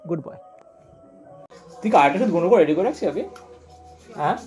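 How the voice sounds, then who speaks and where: A man with a Kolkata Bengali accent and a fairly high voice talks casually on his vlog. He coaxes and teases the animals in a playful family way. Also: animated, a little fast, a little mellow, soft background music. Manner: coaxing, teasing, talks to animals. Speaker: vlogger.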